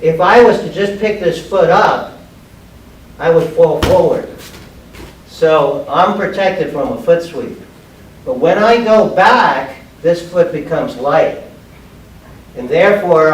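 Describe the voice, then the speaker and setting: An older judo instructor, around his sixties, demonstrates martial arts in short, plain, step-by-step phrases, his voice on the high side, animated and slow. He's in a large, bare, padded indoor training room, picked up by a distant camera mic, so the audio is echoey with background noise.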